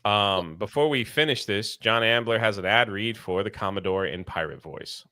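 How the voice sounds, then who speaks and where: A man's voice: fairly low pitch, normal speed, pushed and bright. A man hosting a casual history podcast, rambling and laughing often as he chats. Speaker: podcast host and streamer.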